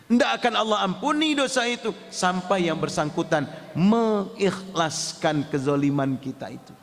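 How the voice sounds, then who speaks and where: Male preacher, high voice, lively storytelling sermon, long hall reverb. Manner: lively, acts out household dialogue. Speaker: Islamic preacher.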